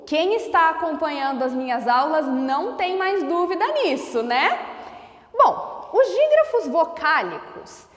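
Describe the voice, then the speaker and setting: A woman teacher, explaining a lesson slowly and deliberately and spelling out sounds and syllables. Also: sits high, sing-song. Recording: echoey room with long reverb.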